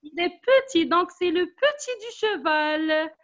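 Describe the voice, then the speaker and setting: A woman teaching an online class for young children, speaking slowly and patiently, encouraging them and repeating instructions over a video call. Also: very high-pitched, lively intonation, a bit bright. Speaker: primary school teacher. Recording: dull lo-fi online call audio.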